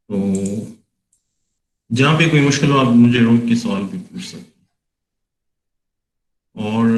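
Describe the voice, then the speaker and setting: A man tutoring on poetic meter, explaining slowly and patiently with many pauses during a screen-share session. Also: medium pitch, reverberant, rough recording. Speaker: tutor explaining Urdu prosody software.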